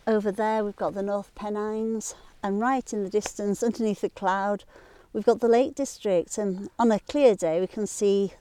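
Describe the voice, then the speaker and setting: Mellow-voiced Yorkshire woman outdoors. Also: mid-range voice, fairly even intonation, no room sound. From Sheffield, England. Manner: descriptive, unhurried, points out the landscape. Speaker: guest. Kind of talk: casual outdoor conversation. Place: open hillside outdoors.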